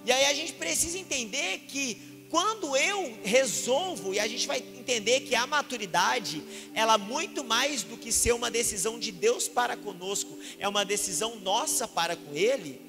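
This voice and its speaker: A male pastor from Minas Gerais with a Mineiro accent, preaching an animated sermon full of rhetorical questions and acted-out exchanges. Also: very high-pitched, moderate pace, few pauses. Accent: Mineiro Brazilian Portuguese. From Minas Gerais, Brazil. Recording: reverberant church hall with music behind.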